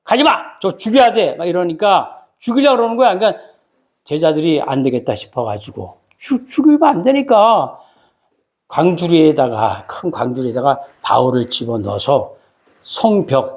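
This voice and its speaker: A man preaching a sermon as pastor, telling the story with lively acted-out voices and calling for amens from the congregation. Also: on the high side. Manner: animated storytelling, acts out voices of biblical figures.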